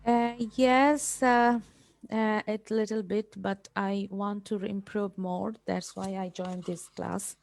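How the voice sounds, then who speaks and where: A woman's voice: medium pitch, steady tone, slow pace, creaky, darkish tone, dry recording. A woman from Bangladesh, a student answering her tutor hesitantly on a video call. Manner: hesitant, many fillers. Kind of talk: class conversation.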